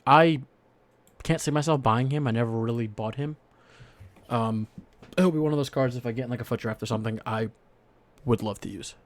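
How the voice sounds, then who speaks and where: A young man casually chatting about football cards as a podcast co-host, excitable and rambling. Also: medium pitch, fairly quick.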